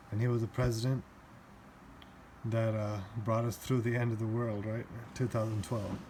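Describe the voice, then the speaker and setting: A man reading a book aloud slowly, pausing often, rereading lines and adding his own offhand commentary. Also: lowish voice, level tone. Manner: slow, halting reading, rereads lines, laughs to himself. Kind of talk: casual read-aloud with commentary. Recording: faint background noise.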